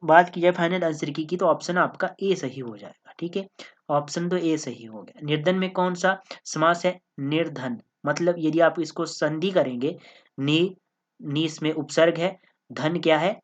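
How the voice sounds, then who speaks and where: A woman's voice: low voice, unhurried. A woman teaching an exam-prep grammar lesson, explaining step by step and often checking in with her listeners. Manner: explanatory, repeats "ठीक है" and "दोस्तों".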